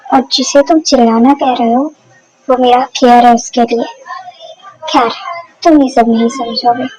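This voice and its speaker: A woman's voice: fairly high pitch, fairly even intonation, measured pace, slight background noise, close to an everyday voice, rough recording. Woman voicing a hot-tempered mafia queen. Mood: irritated. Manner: sharp and scolding.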